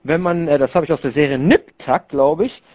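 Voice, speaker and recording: A man's voice: a little high, a little fast, a little mellow. A young man casually telling a crude story to other gamers over voice chat, rambling with many fillers and restarts. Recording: muffled lo-fi voice chat.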